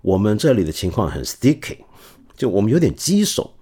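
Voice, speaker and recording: Middle-aged man, low dark voice, lively storytelling, casual podcast host. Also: brisk, husky. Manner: animated, acts out quotes with laughs.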